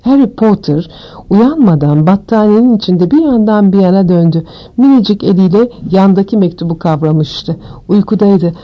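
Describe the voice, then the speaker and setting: A woman narrating an audiobook with steady, expressive storytelling. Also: mid-range voice, moderate pace, dull audio.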